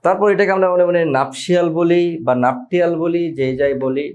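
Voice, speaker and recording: A man teaching an English pronunciation lesson, drawing out and repeating each word slowly for practice. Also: high-pitched, a little mellow, clean tone, dull audio. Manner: slow, drawn-out word demonstrations with repeated drills.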